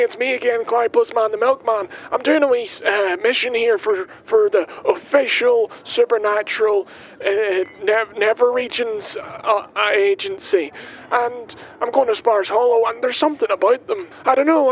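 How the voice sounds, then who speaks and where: An actor plays a kindly, guileless milkman in an audio drama, recording his will as a voice diary and rambling earnestly, haltingly, and hesitantly while chatting off on tangents. His voice is very high, the audio poor, with faint vehicle noise behind.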